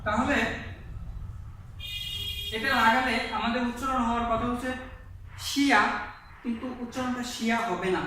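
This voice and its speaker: A language teacher, drilling pronunciation through slow repetition and often checking whether the class has understood. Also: mid-range voice, steady tone, pushed and bright. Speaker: Japanese teacher. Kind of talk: online language lesson. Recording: very echoey room, distant mic, faint noise.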